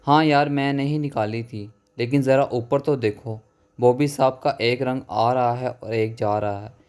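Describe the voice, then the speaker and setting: A man's voice: mid-range voice, steady tone, a little mellow, clear, resonant tone, close to an everyday voice. A man voicing a joking prankster young male friend in a narrated horror story, teasing his friends.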